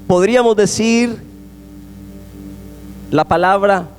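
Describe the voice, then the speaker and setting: High-voiced pastor preaching in a hall. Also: male voice, takes it slowly, smooth, soft background music. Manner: emphatic, repetitive preaching, rising and falling sharply. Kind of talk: sermon. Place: church sanctuary. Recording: echoey church hall.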